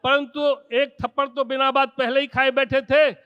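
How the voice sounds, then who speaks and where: Man reciting breathless comic verse, very high-pitched. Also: level tone, normal speed, long reverb tail, dull audio. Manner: emphatic, theatrical, addressing the audience. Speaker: poet reciting on stage. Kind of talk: rhythmic Hindi comic poetry recitation.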